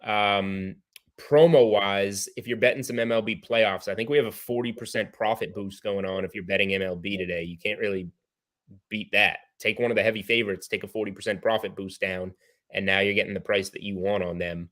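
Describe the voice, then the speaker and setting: American man, slightly low voice, sports betting guest, casual chat, thinking aloud. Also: steady tone, brisk, fairly bright tone.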